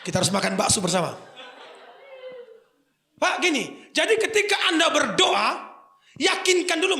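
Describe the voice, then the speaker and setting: A male pastor, preaching a humorous sermon with stories and shouted prayers. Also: extremely high pitch. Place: church service.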